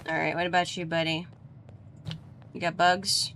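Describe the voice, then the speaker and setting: A woman's voice: lowish voice, little pitch movement, normal speed, fairly bright tone, a little hiss or hum. A woman giving casual, playful video game commentary, chatting to the characters as she plays. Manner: playful, talks to the dolls.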